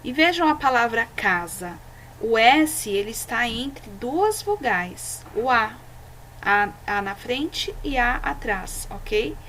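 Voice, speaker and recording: A woman's voice: on the high side, very animated, a bit bright, a little hiss or hum, poor audio. Patient woman teaching a lesson. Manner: patient and didactic, checking in with "tá?" and "ok?"; slows down and stresses words when reading examples aloud. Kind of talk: recorded slideshow lesson for children.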